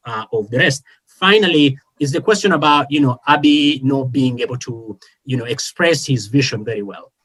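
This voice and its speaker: A man from Kenya talks as a panelist in a policy discussion. His delivery is earnest and measured, broken by frequent fillers and self-corrections. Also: mid-range voice, fairly bright tone, husky.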